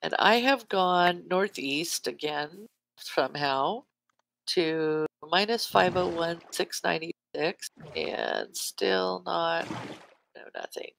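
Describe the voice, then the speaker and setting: A woman's voice: lowish voice, slow pace, gravelly, fairly bright tone, low-quality recording. A woman hosting a casual gameplay session, chatting and thinking aloud as she plays. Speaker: host. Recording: faint music behind.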